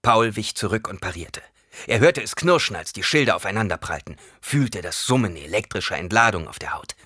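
A man reading an audiobook as narrator in an expressive storytelling manner. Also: fairly low pitch, brisk, breathy edge, dry recording, studio quality. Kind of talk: scripted narration.

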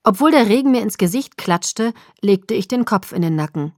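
A woman reading first-person narration for an audiobook in an even, measured way. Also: mid-range voice, no room sound, studio quality.

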